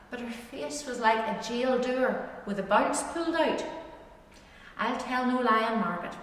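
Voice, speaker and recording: A woman's voice: a little high, fairly bright tone. A woman reciting dialect verse as a rueful, ageing bachelor farmer, with an Ulster Scots accent and a lilting, rhyming storyteller delivery. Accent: Ulster Scots, Northern Irish. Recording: very echoey hall, distant microphone.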